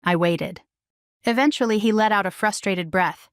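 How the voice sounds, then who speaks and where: Calm middle-aged woman narrating a story. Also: medium pitch, clean tone, dry recording, clean studio sound. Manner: calm, measured. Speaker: first-person narrator. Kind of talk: scripted narration.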